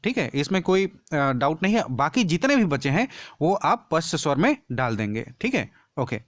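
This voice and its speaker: A man teaching an exam-prep lesson, explaining step by step, checking in often and repeating key terms slowly for emphasis. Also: fairly high pitch, big pitch swings, no room sound, clean studio sound. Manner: explains step by step with frequent "ठीक है" check-ins.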